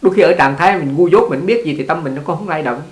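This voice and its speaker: In an echoey room, a man gives a conversational dharma talk as a Buddhist teacher, repeating words and laughing with his listeners. His voice is a little high and races along.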